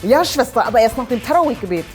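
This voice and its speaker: A serene, pious alter ego, put on by a woman in a comedy sketch. She talks calmly and sweetly, soothing her rival, with a voice on the high side. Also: fast talker, soft background music, natural voice.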